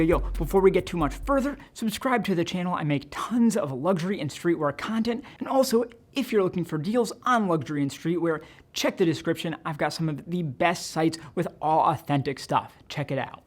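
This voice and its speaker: Guy doing casual fashion news on his channel, chatty, lots of "like", kinda self-deprecating. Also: on the high side.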